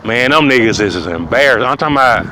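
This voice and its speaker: A man ranting profanely outdoors, preaching loudly at times and dropping to a low mutter. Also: animated, fast talker, rough recording. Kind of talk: outdoor rant to camera. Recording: wind noise outdoors.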